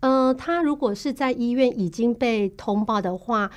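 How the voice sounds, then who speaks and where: Measured Taiwanese Mandarin woman explaining. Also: on the high side, darkish tone. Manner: patient, explanatory, measured with frequent filler pauses. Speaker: tuberculosis case manager. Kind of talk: podcast interview.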